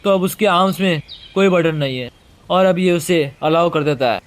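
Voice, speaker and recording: A man's voice: a little high, moderate pace, slight background noise, pitched below the performer's own voice, natural voice. A man reading an experienced climber explaining.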